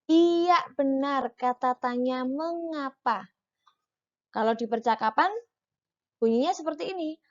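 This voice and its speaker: A woman teacher giving a patient reading lesson to children, reading the dialogue aloud with clear, marked intonation. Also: high-pitched, measured pace, pauses often, muffled recording. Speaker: primary school teacher.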